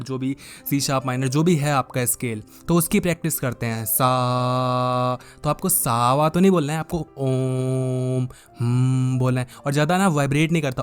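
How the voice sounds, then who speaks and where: A young man giving voice tips in a casual tutorial, talking in a put-on presenter voice and humming deep om sounds to demonstrate. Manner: talks in a put-on presenter voice, drawing out key words. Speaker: voice coach vlogger.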